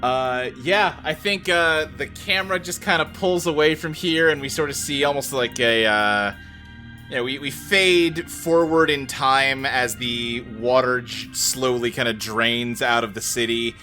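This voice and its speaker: A man running a tabletop game, narrating casually in a halting, improvised way. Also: medium pitch, pushed and bright, soft background music. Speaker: game master.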